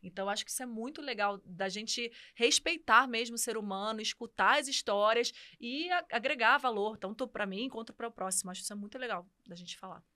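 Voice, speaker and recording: A woman chats as a podcast guest, talking quickly and expressively. Her voice is bright and a touch high, and she tells her stories with plenty of animation. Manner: lively, expressive storytelling. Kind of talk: casual chat.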